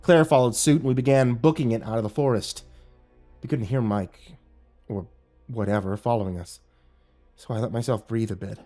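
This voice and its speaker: Male horror narrator, mid-pitched, hushed creepy storytelling with suspense, music bed. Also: normal speed, pauses often. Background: music behind the voice.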